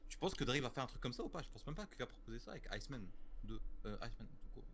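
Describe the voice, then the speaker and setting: A young man, reacting excitedly to an album on his livestream and chatting with a friend. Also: very fast, a crowd in the background. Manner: excitable, jumps high in pitch. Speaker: streamer reacting to music. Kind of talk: casual chat reacting to an album.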